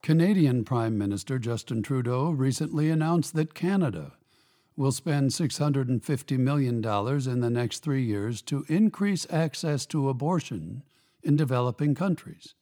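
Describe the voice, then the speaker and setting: A radio host reads a scripted opinion commentary in an ordinary-pitched, dark and mellow voice. His delivery is measured, emphatic and pointed, and also expressive.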